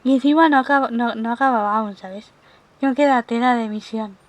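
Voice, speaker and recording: A woman's voice: a little high, brisk, dry recording. A woman from Spain with a Spanish accent, streaming a game and chatting with lots of exclamations. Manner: chatty and expressive, with frequent exclamations. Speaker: gaming streamer. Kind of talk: live-stream chat.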